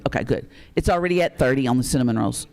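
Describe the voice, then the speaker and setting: A man's voice: mid-range voice, racing, creaky, darkish tone. A man hosting a live charity auction, reading off bids and names in a folksy way with frequent fillers.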